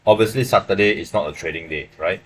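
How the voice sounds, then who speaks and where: A young Malaysian man speaks in Malaysian English with a very low, deep voice. He talks casually through trade setups on a live stream, checking in with his viewers often. A faint hum sits under the recording from his small room. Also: fast talker. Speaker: livestream forex trader. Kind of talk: live trading stream commentary.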